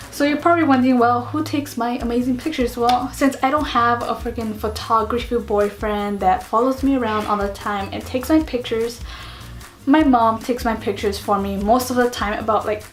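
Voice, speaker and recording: High-voiced chatty young woman vlogger. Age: 20s. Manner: chatty, giggly, self-mocking. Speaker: beauty and lifestyle vlogger. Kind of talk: casual chat to camera.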